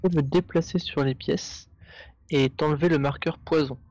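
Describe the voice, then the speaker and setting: A man playing a board game with a friend, talking through his moves in a measured, slightly hesitant way. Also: on the high side, fairly even intonation, a little mellow. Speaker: co-player. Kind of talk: casual game talk.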